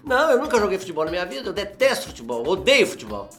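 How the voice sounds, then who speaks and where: A man doing a prickly small-town tough guy with a Minas Gerais accent, voice pushed high. He snaps out short, defensive denials. His pitch swings widely. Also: sing-song, quick pace, fairly bright tone, faint music behind. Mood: testy. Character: grown man, touchy and threatening, hates his nickname.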